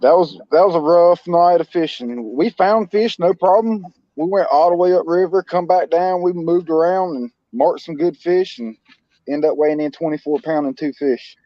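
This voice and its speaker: A man's voice: on the high side, normal speed, no echo. A man joining a stream as a guest, talking in an easygoing, plain-spoken way over a video call. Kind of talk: casual chat. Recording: dull lo-fi call audio.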